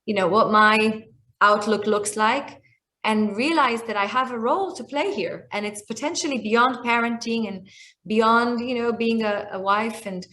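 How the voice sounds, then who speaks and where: Over a video call, a guest speaker in her forties talks reflectively, restarting often and using many fillers. She is from Israel and her first language is Hebrew. Her voice runs on the high side with a slightly bright quality.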